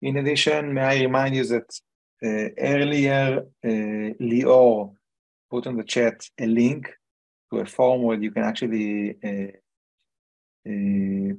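A middle-aged man, hosting a meetup panel over a video call, speaking haltingly with many fillers and restarts. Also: on the low side, a little mellow, low-quality recording. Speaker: meetup host. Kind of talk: casual panel chat.

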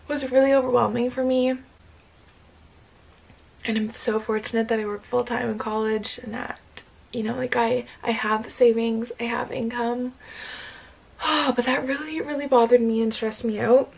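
A woman in her twenties talking to camera in a casual vlog, soft and low-key, often close to a whisper, stressed and anxious. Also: steady tone, moderate pace, creaky, long pauses, rough recording. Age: 20s. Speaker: vlogger.

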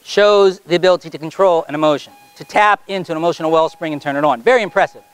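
A man's voice: on the high side, quick pace, smooth. A middle-aged man working as a stage hypnotist in a school auditorium, chanting repetitive suggestions and explaining them to the audience. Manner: repetitive rhythmic suggestions, rising and insistent. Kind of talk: hypnosis show patter and explanation.

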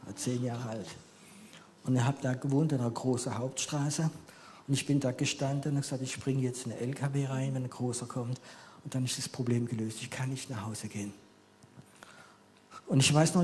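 With a medium-pitched voice, a man in his fifties preaches in German although French is his native tongue. He tells his sermon animatedly, alternating loud emphasis with quiet near-whispers, and a little hiss or hum can be heard.

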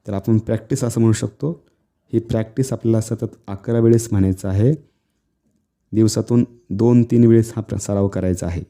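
A man teaching children Sanskrit pronunciation, chanting verse lines slowly and repeating them, with quicker plain explanations in between. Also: on the low side, fairly even intonation, warm tone. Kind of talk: recitation lesson for children.

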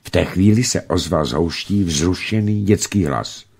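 A man reading a novel aloud in a measured, expressive storytelling manner for radio. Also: deep voice, gravelly, slightly rough. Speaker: narrator.

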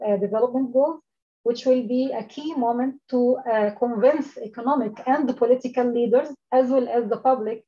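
A woman giving formal prepared remarks over a video call with a headset, pausing often with fillers. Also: a little high, warm tone. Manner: hesitant, many filled pauses. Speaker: official speaker. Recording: dull lo-fi video call audio.

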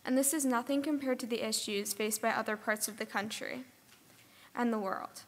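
A teenage girl and high school student reading a prepared speech at a podium in an earnest, steady way. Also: moderate pace. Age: teens. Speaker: student speaker. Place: large conference ballroom. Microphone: podium microphone. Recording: long hall reverb.

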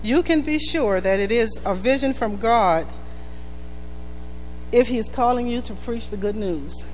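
Woman pastor, sermon, higher register, emphatic repetition; long church reverb. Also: animated, a little hiss or hum. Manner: earnest, emphatic preaching with measured repetition. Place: church sanctuary. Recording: reverberant church hall with faint music.

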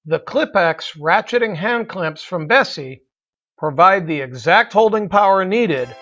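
A man narrates a tool advertisement in a high, smooth voice. His read is even and polished, like a sales script. The recording sounds a little dull and lo-fi. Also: a little slow. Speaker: product ad voice-over.

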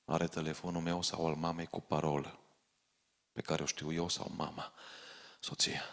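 A man's voice: a bass voice, flat delivery, creaky, a bit bright. A man preaching a sermon to a congregation, warning them directly and urgently. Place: large church hall. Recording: long reverb of a church hall.

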